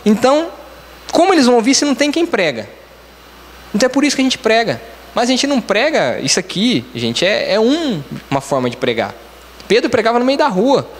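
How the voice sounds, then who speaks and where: High-voiced Brazilian preacher in a reverberant church. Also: male voice, sing-song, a little fast, a little hiss or hum. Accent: Brazilian Portuguese. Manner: plain teaching tone, explains step by step, keeps repeating "então, assim". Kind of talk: conversational sermon. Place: church hall. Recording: church hall with long reverb.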